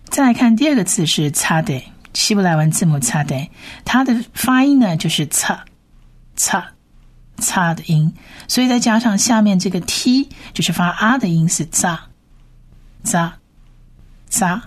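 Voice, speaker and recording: A woman teaching how to read Hebrew words, spelling out each sound and repeating it slowly. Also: mid-range voice, lively intonation. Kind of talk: slow reading lesson.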